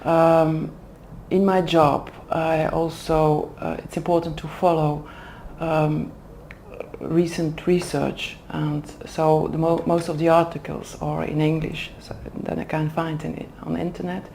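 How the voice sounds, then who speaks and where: With a deep, mellow, creaky voice and a flat delivery, a Dutch-speaking woman answers interview questions in a second language at a language school in Oxford. She works as an executive development manager and is careful and hesitant, pausing to find words. A little hiss or hum is audible.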